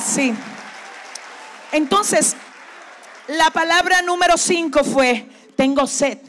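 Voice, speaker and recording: A woman pastor preaching a fervent sermon, moving between shouted exhortations and hushed, intimate passages, and leading her congregation in call-and-response. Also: high-pitched, slow pace, a faint crowd, a little hiss or hum.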